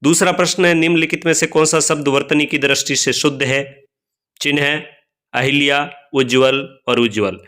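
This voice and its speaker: A man's voice: fairly high pitch, steady tone, a bit bright. Man walking through a quiz lesson. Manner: reads each question, then explains the options point by point; slows down to spell out letters and vowel signs. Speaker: Hindi grammar lecturer. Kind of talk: spoken quiz walkthrough lesson.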